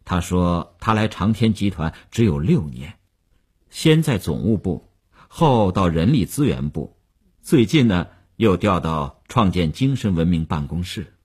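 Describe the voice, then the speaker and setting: A man narrating an audiobook in a steady storytelling manner. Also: sits low, a little slow, slightly rough. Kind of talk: scripted narration.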